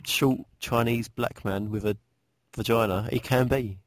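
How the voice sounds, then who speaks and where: A man's voice: medium pitch, steady tone, measured pace, no echo. A man co-hosting a podcast, teasing the others in casual banter and stammering on restarts. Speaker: podcast co-host.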